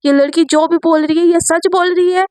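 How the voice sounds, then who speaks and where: Angry strict father, demanding , as a woman narrator plays him in her own high voice. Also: fairly even intonation, brisk, darkish tone, no room sound, studio quality. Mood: stern. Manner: demanding, threatening. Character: stern, angry middle-aged father.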